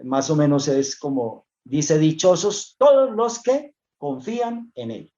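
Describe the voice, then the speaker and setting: A Bible study teacher giving an unscripted lesson to a congregation, talking in a halting way with frequent hesitations and restarts. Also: mid-range voice, expressive, dark tone. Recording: dull lo-fi recording.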